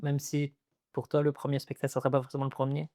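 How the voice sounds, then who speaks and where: A man hosting a podcast interview, relaxed and slangy, encouraging his guest. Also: mid-range voice, fast talker, no room sound, clean studio sound. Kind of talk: casual interview chat.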